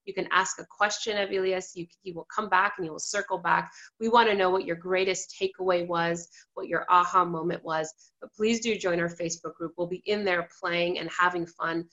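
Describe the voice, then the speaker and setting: A woman's voice: on the low side, steady tone, a little fast, few pauses, sharp tone. A woman hosting an online interview, praising her guest effusively. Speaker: host. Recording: dull lo-fi sound.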